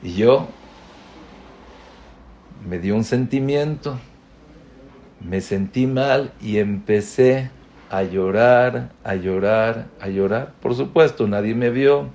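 A man delivers an inspirational religious talk at an unhurried, measured pace. His pitch sits in an ordinary middle range. He leans on repetition, stacking short phrases one after another to drive each point home. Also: a little mellow. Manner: slow, deliberate, repeating phrases for emphasis. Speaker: religious speaker.

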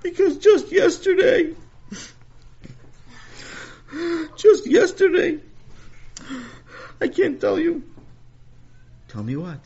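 A man voicing an anxious, fretful young schoolboy in a high, pleading, whiny voice. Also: sing-song, a little slow, gravelly, exaggerated voice. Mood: whining. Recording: dull lo-fi recording.

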